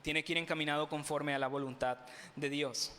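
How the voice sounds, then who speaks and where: A Mexican pastor delivers a sermon in a church sanctuary, his voice bright and a little raised. He keeps asking the congregation rhetorical questions and slips in playful humor. Long reverb from the hall trails each phrase. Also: a little high, fairly even intonation, a little fast, slight background noise. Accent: Mexican Spanish.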